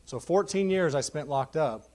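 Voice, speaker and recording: A man in his thirties preaches his life story from a church pulpit, candid and quick to joke. His voice sits a bit higher than most men's, and his telling is lively and animated. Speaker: guest preacher. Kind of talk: testimony sermon. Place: church sanctuary.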